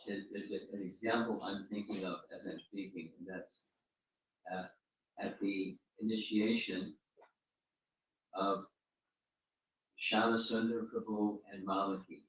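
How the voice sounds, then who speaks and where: A man, a spiritual teacher, giving an informal religious talk and answering questions. He speaks haltingly and often repeats and restarts his words. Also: on the low side, steady tone, a little hiss or hum. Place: room at a home gathering. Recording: roomy, distant, dull recording.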